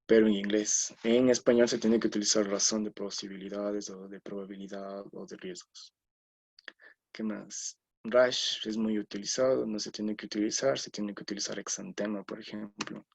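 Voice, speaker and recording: A man's voice: lowish voice, steady tone, normal speed, creaky, hardly any pauses, slightly rough, dry recording. A man from Ecuador giving an explanatory lecture on scientific writing, often checking in with tag questions and fillers.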